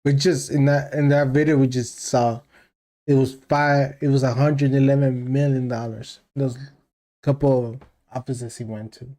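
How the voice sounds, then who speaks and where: A man's voice: mid-range voice, little pitch movement, normal speed, warm tone. Blunt, ranting man hosting a stream. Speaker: livestream host reacting to news clips. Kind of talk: casual reaction commentary.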